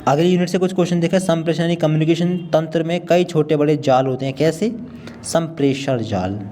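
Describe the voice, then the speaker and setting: A man working through multiple-choice exam questions and their answers in a steady, matter-of-fact way. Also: on the high side, fairly quick, slight background noise. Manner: steady, matter-of-fact, repeats the right option. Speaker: teacher.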